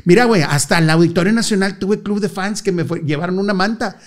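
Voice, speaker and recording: A middle-aged man with a northern Mexican Monterrey accent, pitched a little high for a man, is an interview guest telling stories casually. He's animated and slangy, quick to break into laughter.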